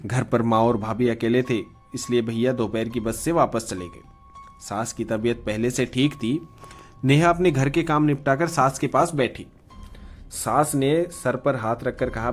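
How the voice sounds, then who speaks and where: A man telling a scripted horror story in a steady, storytelling voice, pitched right in the middle. Faint music plays behind the narration.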